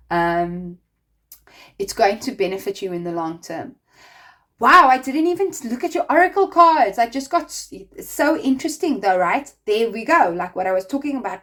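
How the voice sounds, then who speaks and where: A woman's voice: medium pitch, fairly bright tone. A woman giving a casual spiritual tarot reading, chatty and rambling, full of fillers, speaking encouragingly straight to the listener. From not American. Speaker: tarot reader.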